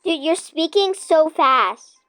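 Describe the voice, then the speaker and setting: A woman's voice: high-pitched, lively intonation, takes it slowly, fairly bright tone, no room sound, soft background music. A young girl hosting a casual gameplay video, chatting with a friend and talking to viewers as "guys", giggly and chatty. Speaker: gaming channel host.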